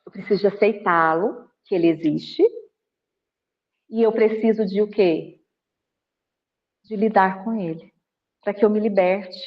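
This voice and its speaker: A woman's voice: mid-range voice, muffled recording. A woman giving a spiritist lecture, telling stories animatedly and acting out the dialogue. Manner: animated storytelling, acts out dialogue. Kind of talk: spiritist talk. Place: home video call.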